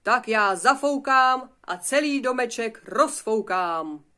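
A woman voicing a hungry, boastful male wolf in a storybook, speaking loudly and slowly drawing out his words. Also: medium pitch, expressive. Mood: menacing. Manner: loud, drawn-out and gloating.

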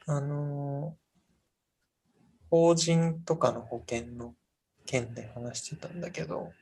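A man in his thirties co-hosting a podcast in casual chat, rambling with many fillers in a soft, low-key way. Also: steady tone, slow, creaky, slightly rough. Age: 30s. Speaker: podcast co-host. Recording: faint music underneath.

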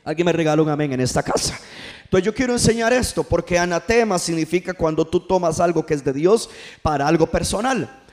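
A man's voice: a little high, fairly quick, a little mellow. A male pastor preaching a sermon in church, calling the congregation to answer back. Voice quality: preaching with call-and-response to the congregation.

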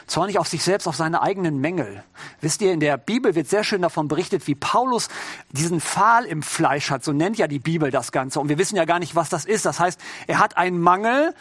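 Middle-aged man, relaxed chatty preacher, high voice, dry close sound, keeps asking the congregation questions. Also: no echo. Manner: informal, addresses the congregation with rhetorical questions. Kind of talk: conversational sermon.

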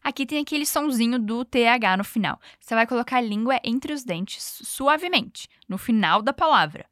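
Brief: higher-voiced woman, podcast English teacher, patient drill pacing, dry close sound. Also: lively intonation, a bit bright, dry recording. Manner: patient, coaching, slows down for model phrases. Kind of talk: podcast language lesson.

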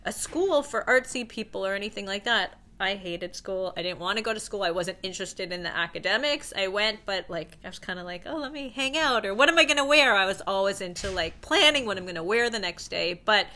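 A woman's voice: mid-range voice, brisk, few pauses. A woman in her forties from Toronto, chatting casually as an interview guest, full of "like" and easy laughter. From Toronto, Canada. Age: 40s. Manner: relaxed and chatty, peppered with "like" and laughter. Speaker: guest, fashion stylist.

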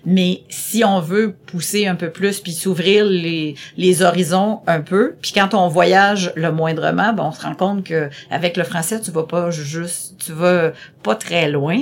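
Low, husky-voiced Québécois woman chatting. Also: measured pace, few pauses. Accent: Québécois French. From Quebec. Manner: chatty, rambling, many hesitations and repeated words. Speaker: interviewee. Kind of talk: casual conversational interview.

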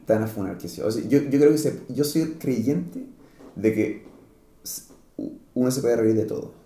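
A man with a Chilean Spanish accent rambles through a casual podcast chat, full of slang, fillers and restarts. His voice is mellow and middle-pitched, and it sits in a slightly echoey room. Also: lively intonation, moderate pace. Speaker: podcast host.

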